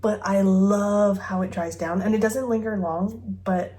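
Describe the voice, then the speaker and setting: A woman's voice: mid-range voice, steady tone, measured pace, warm tone, a little hiss or hum. A woman in her thirties chatting casually at home as she reviews fragrances, thinking aloud with giggles and a phone mic. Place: home bedroom with dresser.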